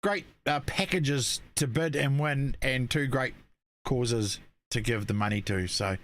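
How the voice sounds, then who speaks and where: A man's voice: medium pitch, a little slow, a bit bright. A man with a New Zealand accent co-hosting a casual chat show, often repeating his words and phrases. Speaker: show co-host.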